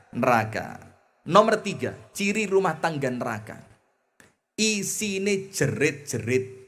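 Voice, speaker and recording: A man with a fairly high voice and a Javanese accent gives a lively, folksy sermon. He chants Arabic phrases slowly and then explains them conversationally, and his voice swings between loud emphasis and soft asides. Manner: folksy, mixes in homely jokes. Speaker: Islamic preacher.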